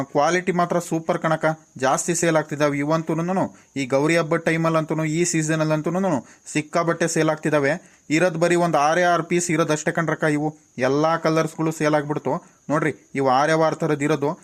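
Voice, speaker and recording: A man's voice: fairly high pitch, little pitch movement, a little fast, lightly acted. A man playing a pushy village sari seller. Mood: coaxing. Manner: coaxing sales patter.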